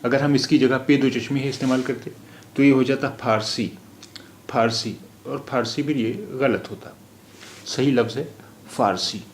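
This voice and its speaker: A man teaching Urdu pronunciation, repeating each word slowly for the learner to drill. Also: medium pitch, steady tone, reverberant, a little hiss or hum. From India. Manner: slow, repeats words for drill. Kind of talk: phonetics lesson.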